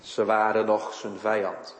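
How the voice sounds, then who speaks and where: A man's voice: on the low side, little pitch movement, measured pace, reverberant, big-room sound, a little hiss or hum. A man preaching a sermon in church, his voice rising and falling for emphasis. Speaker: pastor.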